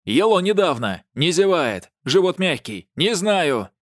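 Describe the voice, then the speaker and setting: A man's voice: medium pitch, expressive, brisk, a little mellow, dry recording, studio quality, lightly acted. A man voicing a grumpy, flustered male werewolf who grumbles and snaps, in an audiobook. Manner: grumbling, snapping.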